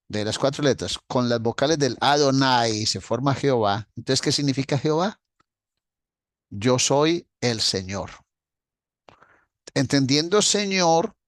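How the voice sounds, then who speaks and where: A man teaching a doctrinal Bible class, explaining step by step and repeating key points to his listeners, sometimes clearing his throat. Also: medium pitch, no room sound, studio quality.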